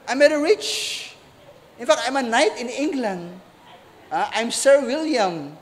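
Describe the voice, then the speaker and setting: A man's voice: very high-pitched, measured pace, long reverb tail. A man putting on a rich retired British knight. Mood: courting. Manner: smooth flattering English.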